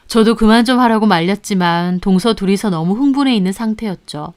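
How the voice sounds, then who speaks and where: A woman calmly narrating a first-person family drama story. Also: mid-range voice. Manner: calm storytelling. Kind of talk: scripted narration.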